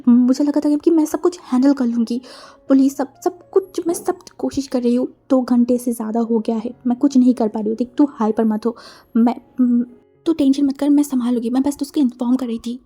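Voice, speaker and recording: Lady doing a scared young woman, stammers a lot, soft dark tone. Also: high-pitched, steady tone, soft background music. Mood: anxious. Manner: stammering, halting.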